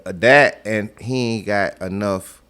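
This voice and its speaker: Low male voice, slangy sports co-host, argues informally and repeats points. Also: takes it slowly, pushed and bright, smooth. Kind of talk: casual basketball debate.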